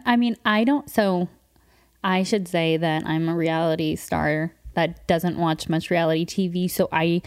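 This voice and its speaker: A woman's voice: lowish voice, a little mellow, no echo, clean studio sound. A young woman hosting a podcast, chatting casually with many fillers and restarts and laughing often. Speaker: podcast host. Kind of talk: casual interview chat.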